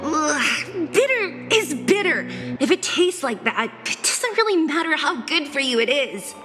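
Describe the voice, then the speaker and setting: A woman's voice: high voice, big pitch swings, normal speed, sharp tone, heavily acted. A woman voicing a young video game character who grimaces in disgust as if at bitter medicine. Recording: long hall reverb, background music.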